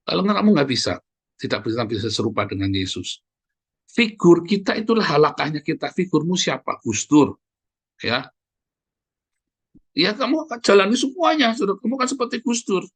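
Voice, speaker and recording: A man's voice: high voice, sing-song, a little fast, long pauses, slightly rough, dry recording. A man preaching a conversational sermon, asking his listeners questions and answering them himself, with sudden emphatic rises. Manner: addresses listeners as brothers and sisters, asks and answers his own questions.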